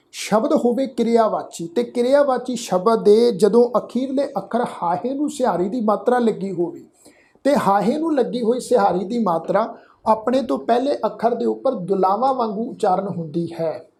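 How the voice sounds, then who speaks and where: A man from Punjab teaching how to pronounce scripture. He recites verses slowly and deliberately, then explains the spelling while addressing the congregation respectfully. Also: sits high, mellow. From Punjab, India.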